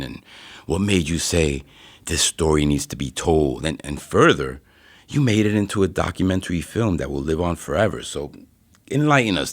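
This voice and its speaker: A man hosting an interview show, excited and effusive, who often repeats his words. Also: low voice, no echo. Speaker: show host.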